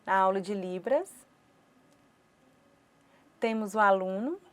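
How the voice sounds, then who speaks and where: A woman with a Brazilian Portuguese accent voices a sign-language teacher's lecture for an online course. Her mid-range voice comes in short phrases separated by pauses.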